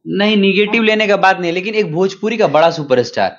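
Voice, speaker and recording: Probing higher-voiced male interviewer. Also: expressive, fairly quick. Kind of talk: casual interview questions. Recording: dull lo-fi sound.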